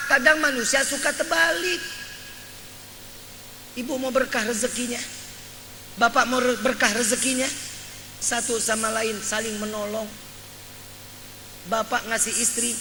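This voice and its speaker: A man preaching in a mosque, joking and teasing his congregation in slangy talk. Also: very high-pitched. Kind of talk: humorous sermon. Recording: echoey mosque hall, faint noise.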